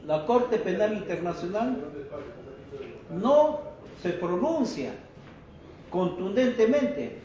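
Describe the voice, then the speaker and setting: A man with a high voice delivers a slow, deliberate press conference statement, denouncing and calling his listeners brothers. The sound is very echoey and dull, with faint noise behind him. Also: big pitch swings, warm tone. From Peru. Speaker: activist speaking at a press conference.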